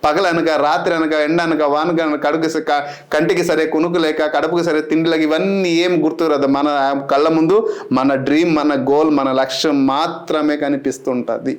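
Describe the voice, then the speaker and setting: A man's voice: on the high side, fairly even intonation, a little fast. A man who coaches for exams, giving a rousing talk and then listing English grammar topics. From Andhra Pradesh, India. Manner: rousing, mixes English terms into lists. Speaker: exam coach, English teacher. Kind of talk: motivational lecture and exam lesson. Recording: echoey room.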